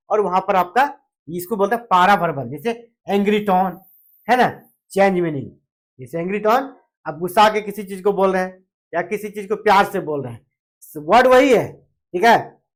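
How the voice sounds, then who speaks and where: Woman teaching an exam class. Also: mid-range voice. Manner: explains with repeated fillers and acted-out example phrases. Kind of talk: exam coaching lecture.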